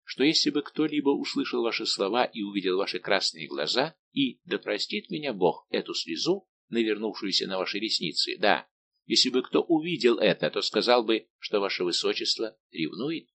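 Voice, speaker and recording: A man's voice: lowish voice, very animated, moderate pace, vocal fry, a bit bright, a little hiss or hum, heavily acted. A man reading an audiobook, voicing a devoted young nobleman count who speaks with respectful firmness. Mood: earnest.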